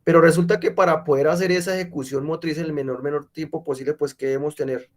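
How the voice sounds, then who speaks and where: A fast-talking man with a voice on the high side and fairly even intonation teaches physical education online. He has a cold, explains things one step at a time, and keeps checking in with his students through plenty of rhetorical questions.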